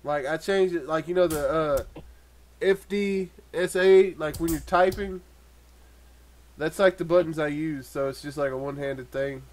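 A man's voice: a little high, steady tone, a little slow. A young man chatting crudely with a friend while playing a video game, laughing often and yelping now and then. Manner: loud, laughing, crude, with sudden yelps. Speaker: gaming channel host. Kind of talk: casual gaming chat with a friend.

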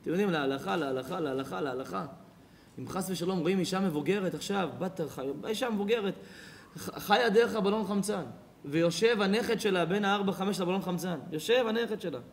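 A man giving a sermon as a rabbi, telling stories dramatically and swinging from loud cries to hushed, near-whispered lines. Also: sits high, slight background noise.

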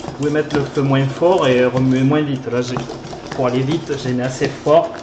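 In an echoey kitchen with clear background noise, a man from southern France with a Toulouse accent teaches a live pastry lesson, chatting as he whisks and stirs at the stove. His voice is medium-pitched, with fairly even intonation and a moderate pace.

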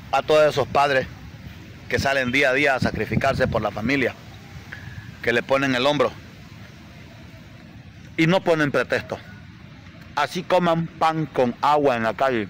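A man's voice: medium pitch, moderate pace, long pauses, a bit bright, slight background noise, low-quality recording. A man reciting a rhymed poem in a declaiming, emotional manner.

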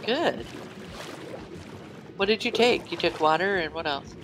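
A woman's voice: lowish voice, lively intonation, measured pace, background noise. A woman hosting a casual gameplay session, chatting and thinking aloud as she plays. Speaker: host. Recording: faint music behind.

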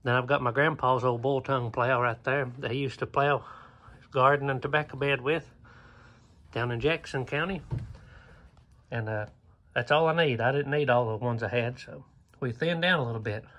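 In a mid-range, slightly bright voice, this man gives a casual tour of his open wooden barn at a moderate pace, with long pauses. The homesteader vlogger is plainspoken and easygoing, dropping plenty of "uh" fillers as he records on a phone at arm's length.

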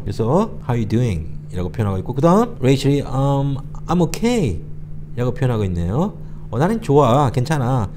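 A man's voice: on the low side, warm tone, slight background noise. A man teaching English phrases in a patient explanatory lesson, repeating lines for learners to copy. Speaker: English tutor.

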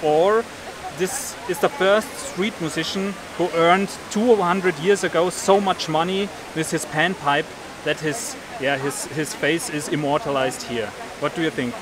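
A man's voice: on the high side, fairly even intonation, a little slow. A man, a co-host quizzing tourists outdoors in a playful, jokey way. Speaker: co-host and quiz master. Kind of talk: street interviews, casual quiz. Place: busy city square outdoors. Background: loud crowd.

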